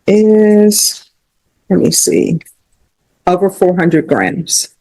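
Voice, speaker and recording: A woman judge speaking firmly and deliberately at a courtroom sentencing. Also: fairly low pitch, warm tone, dry recording, poor audio. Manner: firm, measured, questioning.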